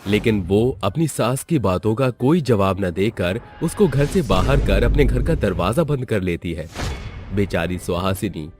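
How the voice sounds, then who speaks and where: Low, lively male storyteller. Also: measured pace, soft background music. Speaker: narrator. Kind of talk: scripted story narration.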